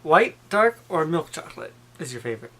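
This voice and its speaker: A man in a relaxed chat on a vlog who makes dry, joking remarks. His pitch moves a lot, rising and falling as he answers questions. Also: brisk, rough recording. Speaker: vlogger's boyfriend. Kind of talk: casual chat.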